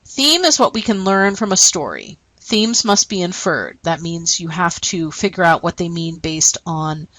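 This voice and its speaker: A woman teacher walks through a lesson in a lively voice that rises and falls, pausing to check her listeners are following with a quick "okay?". Her voice sits a little low for a woman. The recording is close and dry, with no room sound. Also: dry recording, rough recording.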